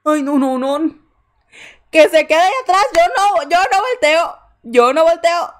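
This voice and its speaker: Young woman streamer, very high voice, scared and chatty horror gameplay commentary. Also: a little slow. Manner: jittery, scared exclamations and chatty asides. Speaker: gaming streamer.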